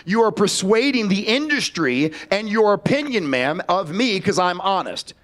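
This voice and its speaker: A male sales trainer speaking live to a seminar audience, blunt and sprinkled with swearing. His voice sits high for a man, and he calls on people in the room directly. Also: big pitch swings, normal speed, a bit bright.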